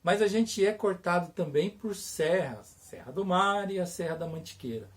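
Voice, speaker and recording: A man's voice: sits high, moderate pace. A Brazilian man, a storyteller, speaking informally and directly to viewers in a conversational, repetitive way with check-in questions. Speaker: writer and storyteller. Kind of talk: informal presentation to camera, addressing viewers directly.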